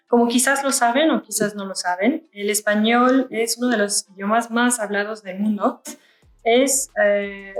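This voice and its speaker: A woman's voice: fairly high pitch, echoey room. A young woman from Canada chatting casually while doing her makeup, musing aloud with many fillers. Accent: France-style French learned in Canada. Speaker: beauty vlogger. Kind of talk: casual get-ready-with-me chat.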